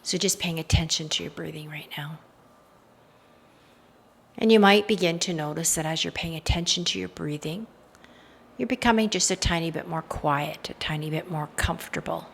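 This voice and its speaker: Over a faint bed of background noise, a woman with a low voice guides a meditation that doubles as a hypnotic induction. She speaks soothingly at a moderate pace, her phrases fading softly into creaky fry.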